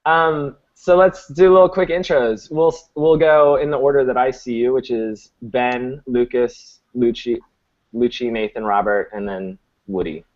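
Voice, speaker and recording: A man's voice: mid-range voice, fairly even intonation, measured pace, darkish tone. A man hosting a live coding stream on a video call, talking casually and thinking aloud with restarts. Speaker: host. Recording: muffled lo-fi audio.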